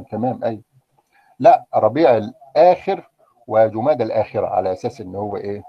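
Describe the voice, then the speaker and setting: A low, husky male voice with an Egyptian Arabic accent leads a live language class. He talks to the students in a relaxed way and keeps checking in with them. The recording is dry and a little muffled. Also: no echo. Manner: conversational, checks in with "okay?" and asks the class questions. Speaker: language teacher. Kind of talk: live online grammar lesson.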